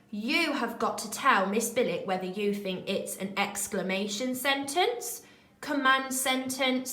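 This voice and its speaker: A woman teaching young children in a recorded lesson, with a British accent and a clear, expressive way of talking. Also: medium pitch, reverberant. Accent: British English. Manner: slow, clear and expressive, speaking to small children. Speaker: primary school teacher.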